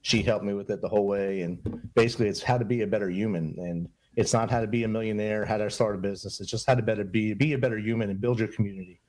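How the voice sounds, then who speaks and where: A man's voice: fairly low pitch, fairly even intonation, quick pace, hardly any pauses, a little mellow. A middle-aged man, a podcast guest, speaking in an earnest, upbeat and motivational way in a casual interview. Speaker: podcast guest, Army veteran and mentor.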